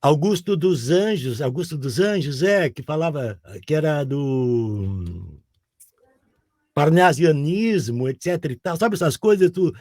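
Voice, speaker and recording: A southern Brazilian man in his sixties, a guest from Rio Grande do Sul with the local Portuguese accent, rambles through a casual interview and keeps checking in with the listener by saying "sabe?". He sounds a little high and a little mellow, expressive and slightly slow. The studio sound is clean, with no room sound.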